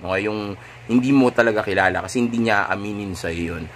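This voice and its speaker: A man's voice: fairly low pitch, a little fast, fairly bright tone, slight background noise. A man coaching listeners on dating in a casual monologue, and often checking in with rhetorical tags.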